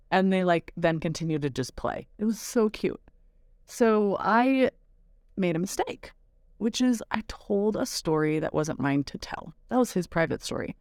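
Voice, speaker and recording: A woman's voice: low voice, a little mellow, no room sound, studio quality. Candid woman hosting a parenting podcast. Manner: candid, reflective storytelling. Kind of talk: casual podcast monologue.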